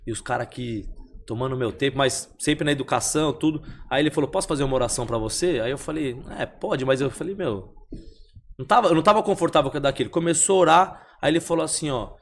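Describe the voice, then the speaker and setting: A young man, talking as a podcast guest. He tells his story casually, repeating himself and acting out every exchange. His voice sits at a middle pitch. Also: fast, slight background noise. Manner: animated, repeats phrases, acts out the dialogue.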